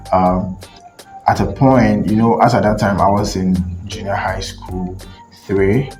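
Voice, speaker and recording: Young man, deep voice, rambling storytelling, restarts, background music. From Ghana and Nigeria. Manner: relaxed, rambling, frequent fillers and restarts. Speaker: tech channel host. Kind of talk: casual storytelling to camera.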